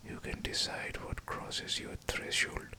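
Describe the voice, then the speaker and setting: A man whispering a scripted pep talk of affirmations, in short, deliberate phrases. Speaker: guided affirmation narrator.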